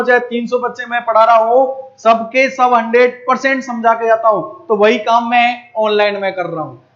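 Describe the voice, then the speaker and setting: High-voiced Hindi math teacher, coaxing. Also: male voice, dull audio. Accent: Rajasthani Hindi. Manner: coaxing, repeats checks for understanding. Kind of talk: live online math class.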